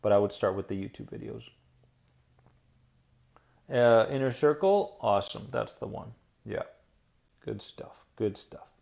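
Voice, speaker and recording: Hosting a live stream as an anxiety coach, a man responds to viewer comments in an upbeat, encouraging way, then slows into a soothing guided visualization. His mellow, low-leaning voice has vocal fry and a calming, radio-like quality.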